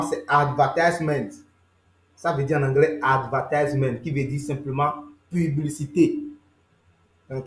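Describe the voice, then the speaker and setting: Over a video call, a young Beninese man speaking with a Beninese French accent runs an online training, pausing to check in with listeners as he explains. His pitch is fairly high, and the room echoes.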